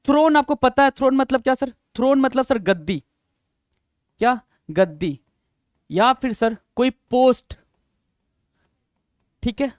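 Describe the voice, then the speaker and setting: Male vocab teacher, high voice, repeats words to drill them in. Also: slow pace, pauses often, dry recording, studio quality. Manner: repetitive, coaxing, addresses learners as sir and brother. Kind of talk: vocabulary lesson.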